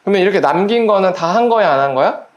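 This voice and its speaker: A pastor giving a children's sermon at a church service, gently asking the children quiz questions and acting out little voices in the story. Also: mid-range voice, expressive, rapid-fire, highs cut off. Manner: acts out little quoted voices while storytelling.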